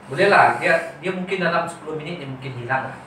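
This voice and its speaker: A man's voice: a little high, fast, sharp tone, slight background noise. A man, casually giving his verdict to viewers during a meal at home. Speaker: family mukbang vlogger. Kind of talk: casual chat to viewers while eating. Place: small bare room at home, dining table. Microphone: camera a few metres away. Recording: very echoey room, distant mic, clattering dishes.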